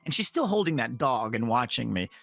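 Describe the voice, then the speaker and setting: A man and voice actor telling a strange work story in casual chat, animated and acting out the voices he quotes. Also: medium pitch, brisk, creaky, no echo, faint music behind.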